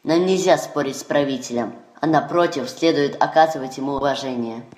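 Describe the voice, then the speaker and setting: A man's voice: mid-range voice, brisk, darkish tone, echoey room, lightly acted. A man playing an anxious, deferential villager who urges obedience, in a fairy-tale audio drama. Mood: resigned, anxious. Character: anxious submissive male villager urging obedience to new ruler.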